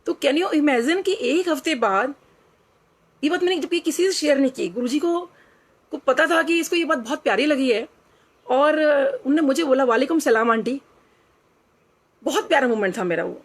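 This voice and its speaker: A middle-aged woman recounts a personal testimony in an earnest, reflective way. Her voice sits a little higher than most women's, and she often slips into quoted dialogue and English phrases. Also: animated, moderate pace. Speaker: devotee sharing a testimony. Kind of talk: personal storytelling.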